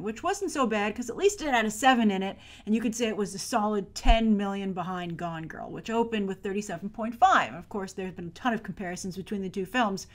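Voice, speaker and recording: An American woman in her thirties hosts a movie news show, chatting to camera about the box office. Her voice sits a little high, and she delivers emphatically, stressing and stretching out words.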